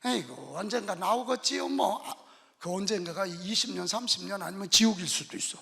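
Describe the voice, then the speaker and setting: A middle-aged male pastor preaching with animated emphasis, acting out the stories he tells, in a prayer retreat chapel. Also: sits high, a little fast, gravelly. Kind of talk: sermon. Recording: echoey hall.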